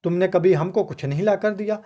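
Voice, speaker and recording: A man's voice: high-pitched, fairly quick, mellow, close to an everyday voice. A man voicing an angry, protective young husband who pleads firmly with his mother, in a storybook reading. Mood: upset.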